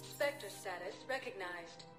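A woman voicing a calm, polite computer announcement voice in a video game, measured and unhurried. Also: medium pitch. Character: calm female transit computer voice, polite and even. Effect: automated announcement voice. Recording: echoey game audio with loud music.

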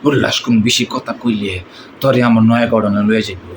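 A man voicing a menacing, swaggering movie villain gang boss with a Bangladeshi accent and drawn-out threatening taunts. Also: fairly low pitch, steady tone, natural voice. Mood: cold threats. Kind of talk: film villain dialogue mimicry. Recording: noisy amateur recording.

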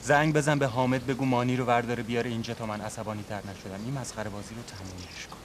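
An actor playing an angry boss who demands answers and orders people around. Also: male voice, mid-range voice, steady tone, a little hiss or hum, lightly acted. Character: angry boss man demanding his kidnapped son.

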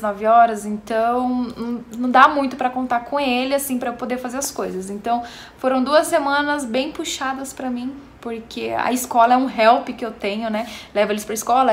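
A young Brazilian woman, a mother of twins, chatting casually to her vlog audience and searching for words as she goes. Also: a little high. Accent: Brazilian Portuguese. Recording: home recording with background noise.

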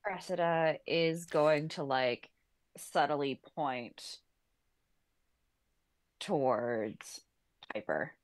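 A woman's voice: low voice, drawn-out words, pauses often. A woman playing a tabletop game, describing her character's actions hesitantly. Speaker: player.

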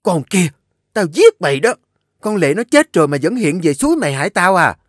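A scheming young wife loses control in this audio story, shrieking high and wild, as a man puts her on. Her sharpens every accusation, and the voice sits in a dry, close space. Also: big pitch swings, normal speed, fairly bright tone, no room sound, heavily acted. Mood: hysterical. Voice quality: shrill, shrieking.

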